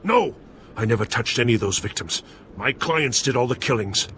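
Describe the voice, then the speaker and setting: A man voicing a wary male bounty hunter, defensive and gruff as he talks his way out of trouble. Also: medium pitch, animated, moderate pace, a bit bright, slight background noise, lightly acted.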